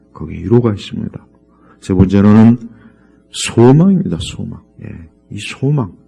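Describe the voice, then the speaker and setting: Male pastor, middle-aged, low and warm-toned; emphatic, repetitive sermon delivery with sharp dynamic swings. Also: creaky. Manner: repetitive, emphatic preaching with sudden rises and drops in volume. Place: church.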